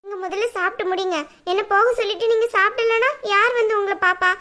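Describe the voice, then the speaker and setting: A woman's voice: very high voice, steady tone, quick pace, sharp tone. A woman voicing a scheming young woman in a cartoon drama, who coaxes and pleads sweetly. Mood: sugary pleading.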